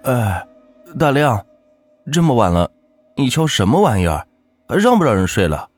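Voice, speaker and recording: Gruff country villager, blunt and plain-spoken, lively delivery, as a male narrator voices him. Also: medium pitch, a little fast, soft background music, pitched above the performer's own voice. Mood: grumpy. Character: middle-aged village man, blunt and gruff.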